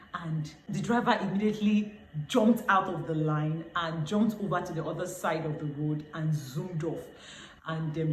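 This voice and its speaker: A young adult woman with a Nigerian accent, sharing a personal testimony in a conversational, expressive way, full of fillers. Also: fairly low pitch. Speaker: testimony speaker. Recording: roomy echo, faint background noise.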